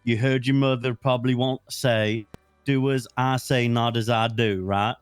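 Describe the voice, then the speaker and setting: A man's voice: medium pitch, fairly even intonation, normal speed, clear, resonant tone, no echo, soft background music. Stern man scolding in character. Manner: stern, scolding, swears casually. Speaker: roleplay police superior. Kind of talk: in-character roleplay banter.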